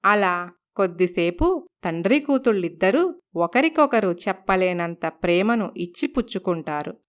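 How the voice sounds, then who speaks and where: A woman narrating a cartoon moral story in a steady, scripted storytelling manner. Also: fairly low pitch, normal speed.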